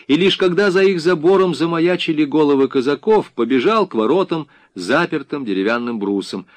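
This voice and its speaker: A man narrating an audiobook in an expressive, dramatic reading. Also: a little high, a little fast, dry recording.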